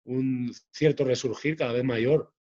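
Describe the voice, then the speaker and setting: A man, a guest author talking in an interview in a measured way, often restarting his phrases. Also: medium pitch, steady tone, warm tone, muffled recording. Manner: measured, hesitant with frequent restarts. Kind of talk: conversational interview.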